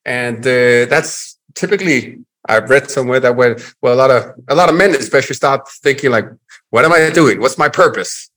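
A man in his forties from Denmark with a Danish accent, a guest telling his life story in a relaxed interview, with many pauses and restarts. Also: medium pitch. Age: 40s. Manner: frequent fillers and restarts, reflective.

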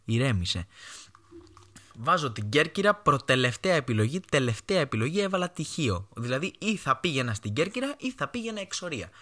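A young man from Greece hosts his own podcast and tells stories from his life in a casual way. His voice is bright and forceful. His pitch moves a lot as he acts out the voices of the people in his stories. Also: hardly any pauses. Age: young adult. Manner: animated, acts out his mother's voice in quoted lines. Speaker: podcast host. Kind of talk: casual storytelling monologue.

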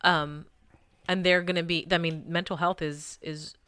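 A woman's voice: lowish voice, level tone, unhurried, fairly bright tone, smooth, no room sound. A woman co-hosting a faith podcast, backing up her partner with short agreements and stories. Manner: supportive, chimes in with short agreements. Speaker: podcast co-host. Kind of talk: casual faith podcast chat.

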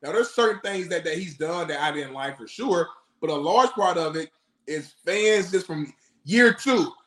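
A man's voice: a little high, animated, moderate pace, a bit bright. A man co-hosting casual sports talk, making emphatic points with rhetorical questions in an echoing, roomy recording. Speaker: sports talk show co-host.

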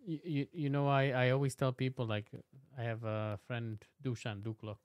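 A man's voice: medium pitch, level tone, moderate pace, clear, resonant tone, dry recording, clean studio sound. A man hosting a podcast in a casual interview style, speaking in a reassuring, encouraging way. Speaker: podcast host.

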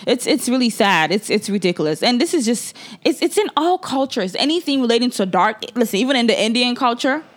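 A woman's voice: a little high, animated, fairly quick, hardly any pauses. A young woman in casual chat, emphatic and repeating her words for stress. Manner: emphatic, repeats words, often says "listen".

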